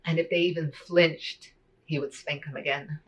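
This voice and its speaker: A woman sharing a personal faith testimony in a soft-spoken, reflective way, often saying "you know" and "like.". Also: low-pitched, steady tone, normal speed, poor audio.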